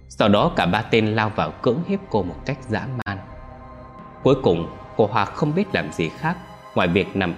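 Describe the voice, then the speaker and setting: A man narrating a story in a solemn, scripted storytelling manner. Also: fairly low pitch. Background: faint music.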